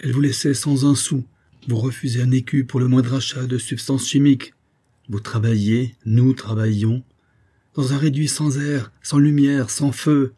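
A man's voice: mid-range voice, little pitch movement, normal speed, warm tone, slightly rough, pitched above the performer's own voice, lightly acted. A man voicing a fervent confessing murderer. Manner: fervent, pleading. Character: guilt-ridden male assistant confessing a murder.

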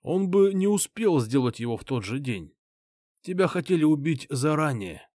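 A man voicing a shrewd older male ally who speaks slowly and deliberately, in an audiobook. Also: a little high, big pitch swings, darkish tone, no room sound, clean studio sound. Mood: measured.

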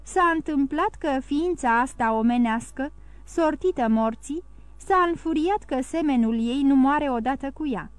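A woman voicing a cold, sardonic aristocratic count who speaks in a measured, icy way. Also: high voice, no echo, lightly acted. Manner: cold and measured, bursting into scorn.

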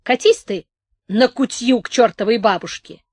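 A woman's voice: fairly high pitch, moderate pace, darkish tone, no echo, studio quality, natural voice. A woman voicing a harassed, grumpy steamboat captain who sighs and snaps in exasperation in an audiobook. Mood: exasperated. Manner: exasperated, sighing.

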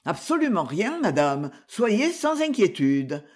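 A reader voicing a courteous male investigator who questions witnesses in a measured way in an audiobook. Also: medium pitch, sing-song, darkish tone. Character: polite, probing male investigator.

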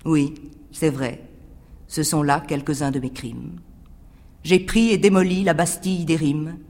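A man giving a theatrical recitation of verse, declamatory, swinging from hushed whispers to ringing cries. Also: on the high side, fairly even intonation, a little slow, gravelly, big-room sound.

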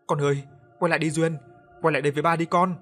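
A man voicing a grieving, quick-tempered old innkeeper who shouts in anguish, in a spoken story. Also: fairly high pitch, steady tone, faint music behind, voice pushed up.

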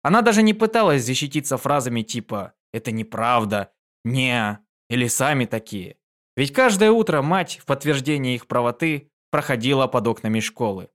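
Man, calm storytelling, medium pitch, audiobook reading. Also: fairly quick, few pauses. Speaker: narrator.

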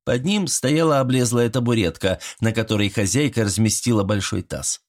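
A man reading a first-person audiobook story, with expressive storytelling and dry wit. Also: lowish voice, moderate pace. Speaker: audiobook narrator.

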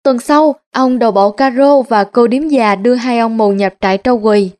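A middle-aged woman narrating a story aloud. Her voice is fairly high. She tells it in a lively, everyday way. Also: normal speed. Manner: lively, colloquial.

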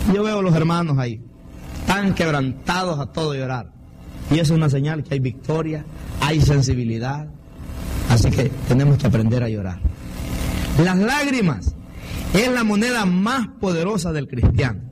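A middle-aged man preaches a fervent sermon, his fairly high voice climbing to emphatic peaks. Steady background noise and passing traffic run under the recording. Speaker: pastor.

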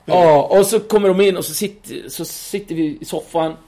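A middle-aged man telling a story as a podcast guest, animated, acting out other people's voices and laughing often. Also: high voice.

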